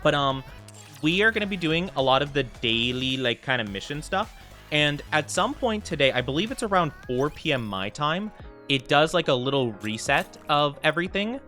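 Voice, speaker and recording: A man's voice: a little high, animated, normal speed, bright, forceful tone. A man chatting casually as a live VTuber game streamer, with a cute, upbeat anime-streamer delivery, often repeating his phrases. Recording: music under the voice. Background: music.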